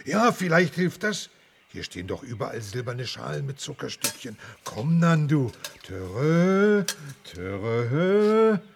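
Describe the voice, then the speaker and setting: An actor voicing a kind, good-natured talking elephant who trumpets in elephant talk. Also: male voice, mid-range voice, big pitch swings, takes it slowly, vocal fry, a little hiss or hum, heavily acted. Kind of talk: audio drama acting.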